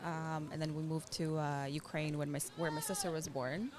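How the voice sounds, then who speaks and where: A parent born in Russia and raised in Israel and Canada is stopped on the street for an outdoor interview in a public area. Their mid-range voice stays fairly flat at a normal speed as they talk earnestly and thoughtfully, laughing often, with a busy crowd audible behind them.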